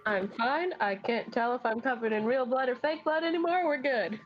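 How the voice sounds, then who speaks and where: A woman with a slightly high voice chats casually at a tabletop game. She answers with dry, quick comebacks. Faint music sits in the background. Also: muffled recording. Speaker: player.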